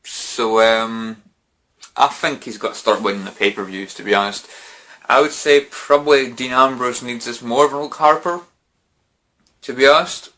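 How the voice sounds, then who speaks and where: A man's voice: mid-range voice, moderate pace, pushed and bright. A man giving casual wrestling predictions to camera, rambling with lots of fillers and restarts. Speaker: wrestling fan vlogger.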